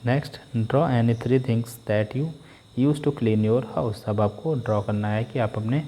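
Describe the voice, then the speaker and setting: Slow, dark-voiced male teacher. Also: medium pitch. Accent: Indian English. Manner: slow read-aloud English, quick Hindi explanations. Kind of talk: textbook lesson explanation.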